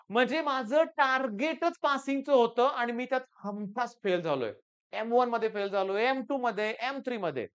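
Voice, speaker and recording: A man from the Sangli region, an engineering maths teacher giving students an earnest, animated motivational talk. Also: high voice, clean tone. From Sangli region, Maharashtra.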